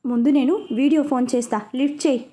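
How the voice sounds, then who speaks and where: A woman's voice: sits high, fairly even intonation, fast talker, mellow, natural voice. Woman doing a firm but caring confidante. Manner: firm, comforting, questioning. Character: caring, firm older woman friend on phone.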